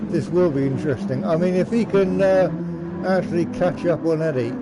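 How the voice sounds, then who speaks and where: A man's voice: on the high side, moderate pace. A man giving casual live commentary on an online car race, hesitant and rambling, often repeating his phrases. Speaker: commentator of an online sim racing league. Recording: loud engine and car noise. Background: racing car noise.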